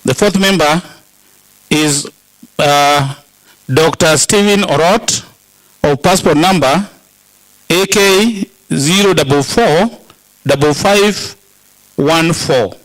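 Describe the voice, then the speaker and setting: Very slow, deliberate Kenyan male legislator. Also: on the high side, a bit bright, low-quality recording. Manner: halting, deliberate. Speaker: county assembly member moving a motion. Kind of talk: formal parliamentary speech. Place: assembly chamber.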